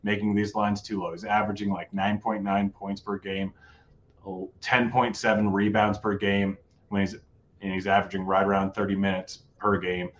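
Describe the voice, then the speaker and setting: The audio is lo-fi, carrying a fairly low man's voice. He's running a live sports betting show, keeping things casual and jokey as he zips through his picks, his voice turning hoarse.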